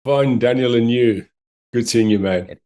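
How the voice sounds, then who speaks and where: A man's voice: mid-range voice, a little slow, warm tone. A middle-aged man with a South African accent, chatting casually as a guest on a podcast. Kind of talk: casual chat.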